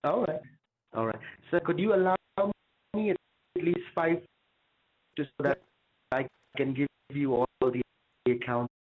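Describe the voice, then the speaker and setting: A man calling on a phone line that keeps cutting out, polite and halting in his phrasing. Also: a little high. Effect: choppy phone line cutting out. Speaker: phone scammer caller. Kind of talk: phone call. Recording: tinny, choppy phone line.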